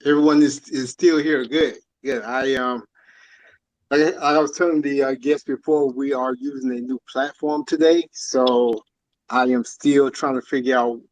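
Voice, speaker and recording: A man's voice: medium pitch, fairly even intonation, moderate pace, no echo, rough recording. Male host talking through a phone, dry sound. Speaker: podcast host. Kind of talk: hosting a live-stream panel. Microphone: cell phone.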